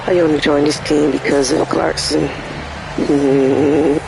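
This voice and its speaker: Gravelly, sick woman streamer chatting. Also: low-pitched, little pitch movement, takes it slowly, noisy background. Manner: rambling, chatty. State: sick with the flu. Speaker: gaming streamer. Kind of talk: casual livestream chat.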